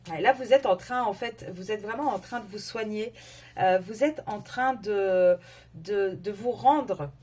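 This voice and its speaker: A woman giving a casual tarot and oracle card reading to her viewers, talking in a halting way with many fillers and self-corrections. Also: on the high side, a little hiss or hum.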